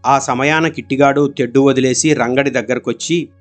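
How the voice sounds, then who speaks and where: A male narrator reads a village story aloud in a steady, expressive audiobook style. His voice sits at an ordinary middle pitch, and soft music plays faintly underneath the narration. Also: moderate pace.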